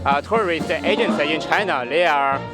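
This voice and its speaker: A man giving a live interpretation for a diplomat in a news interview, halting and restarting with loose grammar as he translates on the spot. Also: fairly high pitch, over music.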